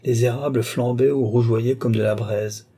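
A man reading a literary novel aloud in a measured, steady manner. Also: mid-range voice, breathy edge. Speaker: audiobook reader. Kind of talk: scripted literary narration.

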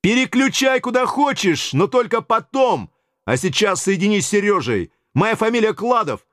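A man voicing a brash, rowdy man in his thirties who talks in a loud, mocking, coarse way. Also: high voice, very animated, normal speed, no room sound, clean studio sound, pitched above the performer's own voice. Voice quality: hoarse and coarse when shouting.

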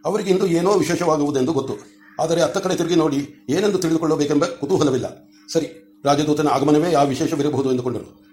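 A man's voice: a little high, brisk. Man reading a novel in an echoey room. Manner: steady reading, repeats words to fix slips. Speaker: audiobook reader.

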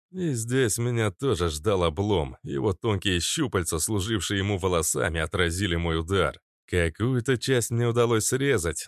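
A man narrating an adventure audiobook in the first person, steady and even, on a close studio mic. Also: sits low, dry recording.

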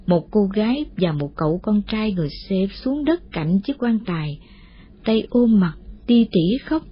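Woman reading a story out loud, husky voice, muffled lo-fi sound. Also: medium pitch, sing-song, unhurried. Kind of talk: scripted audiobook narration. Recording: muffled lo-fi audio.

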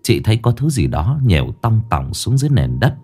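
Male horror storyteller, low voice, very lively delivery, faint music behind. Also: brisk, breathy edge.

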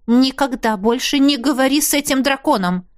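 A woman's voice: high voice, normal speed, natural voice. A woman voicing a stern, controlling mother who speaks firmly and insistently, in a storybook reading. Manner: firm, insistent coaxing.

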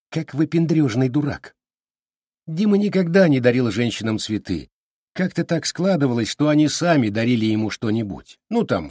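A man reading an audiobook aloud with expressive, wry storytelling. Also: medium pitch, breathy edge, no room sound, studio quality. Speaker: audiobook narrator. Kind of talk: audiobook narration.

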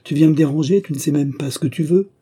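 Male reader doing a huffy rain fairy lady in a storybook, sniffly and snappish, voice jumps higher, husky edge. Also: moderate pace, mellow. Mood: scornful. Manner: lamenting and snappish. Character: whiny, sniffling old female rain spirit.

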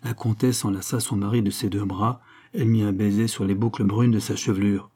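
A man narrating a classic novel as an audiobook in a measured, dramatic manner. His voice is low and mellow, with a husky grain. He shapes long sentences with care. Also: fairly even intonation. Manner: measured, dramatic literary reading.

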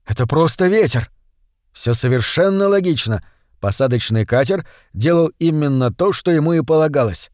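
A man reading a science fiction story aloud as audiobook narrator in a measured, even way. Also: on the high side, dry recording, studio quality. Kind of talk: scripted narration.

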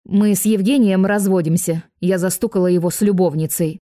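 Spiteful jealous wife, gloating, mellow dry voice, put on by a woman reader. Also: on the low side, steady tone, fairly quick, dry recording, close to an everyday voice. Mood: dramatic. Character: jealous, spiteful young mother, loud and abrasive.

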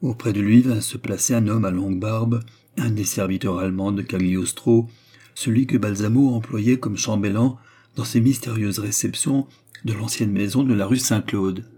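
Male audiobook narrator, dark husky voice, steady storytelling. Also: lowish voice, moderate pace. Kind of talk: scripted narration of a classic novel.

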